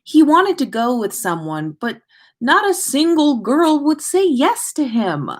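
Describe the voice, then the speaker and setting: Her voice sits high and sing-song, and she speaks a little slowly. She hosts a podcast livestream, chatting informally between expressive readings of stories sent in by listeners.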